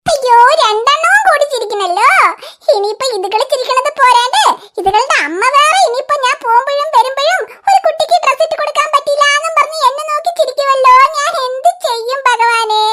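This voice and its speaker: A woman puts on a proud, fussy old cartoon grandmother with a piercing high, bright voice. She coaxes, scolds and frets by turns, always sure her dignity is at stake. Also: lively intonation, fast, heavily acted. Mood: self-pitying. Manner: coaxing, scolding, self-pitying. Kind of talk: cartoon voice acting.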